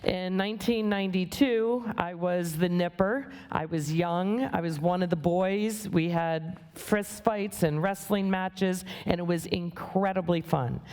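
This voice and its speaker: Brisk, wry middle-aged woman speaker. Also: lowish voice, a little mellow, smooth. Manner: brisk, wry and plain-spoken. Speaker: guest speaker. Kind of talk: conference talk. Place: conference hall.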